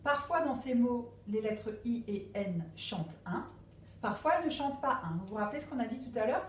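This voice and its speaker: A woman teaching a phonics lesson to young children at a distance, speaking slowly and patiently and stressing each syllable. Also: a little high, echoey room, a little hiss or hum. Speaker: primary school teacher. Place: classroom with a board.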